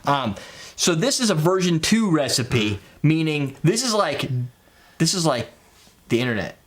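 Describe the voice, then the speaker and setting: A man's voice: a little high, very animated, unhurried. A man in his thirties hosting a casual, joking chat about cocktails. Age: 30s. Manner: joking, rambling, teasing. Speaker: host.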